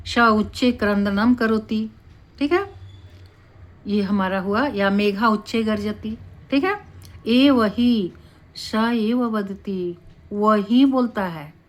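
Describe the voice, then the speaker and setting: Slow, deliberate woman teaching a class. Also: mid-range voice. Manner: slow and deliberate, often checks with "ठीक है". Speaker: Sanskrit teacher. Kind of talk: classroom lesson.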